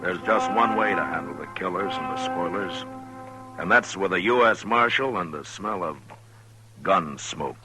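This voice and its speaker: A man's voice: low-pitched, expressive, normal speed. An American man narrating dramatically in the style of an old-time 1950s radio western. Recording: vintage radio, loud music behind.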